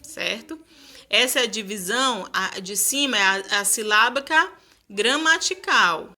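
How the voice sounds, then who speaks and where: A woman's voice: mid-range voice, lively intonation, unhurried, sharp tone. A woman teacher explaining a lesson to her students, asking them rhetorical questions as she goes.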